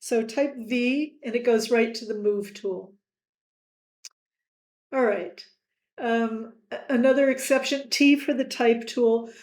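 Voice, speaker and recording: A woman tutoring software in a screen-recorded lesson, friendly, with quiz-style asides to the viewer. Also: fairly high pitch, steady tone, slow, pauses often, reverberant.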